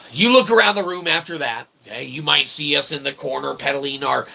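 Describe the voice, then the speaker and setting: On a live stream with plenty of background noise, a man delivers a rambling comic mock-sermon in wordy, pseudo-formal phrasing, breaking off for folksy check-ins. His slightly high voice sounds pushed and bright.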